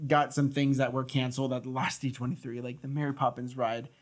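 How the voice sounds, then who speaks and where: A man's voice: mid-range voice, fairly quick. A man in his thirties co-hosting a podcast, chatting casually and jokily at a desk mic in a small studio. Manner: animated, gestures a lot, jokey. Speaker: podcast co-host. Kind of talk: casual chat. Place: small studio set, indoors. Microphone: desk mic on stand.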